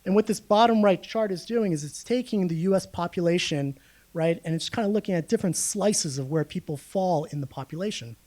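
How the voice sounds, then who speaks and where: A guest researcher with a high, darkish voice lectures briskly to a live room of listeners. He explains data in a conversational, informal style and checks in with the audience.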